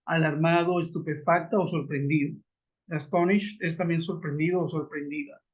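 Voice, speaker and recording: A man's voice: fairly high pitch, fairly even intonation, moderate pace. A man teaching an English grammar lesson in a webinar, patiently repeating and spelling out examples. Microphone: computer mic on a web call. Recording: dull lo-fi web conference audio.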